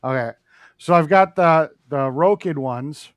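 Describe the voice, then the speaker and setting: A man's voice: on the high side, a little slow, no echo. A man in casual chat whose audio cuts out, so his volume jumps up and down as he rambles through explanations. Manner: rambling, self-correcting explanations. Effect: audio cutting out, uneven volume. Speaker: streamer talking tech gear.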